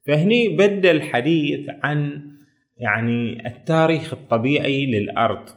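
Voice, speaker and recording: A man's voice: a little high, moderate pace. A man with a Gulf Arabic accent, hosting a podcast and retelling a book's story in a chatty, explanatory way. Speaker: podcast host. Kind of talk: book summary and commentary.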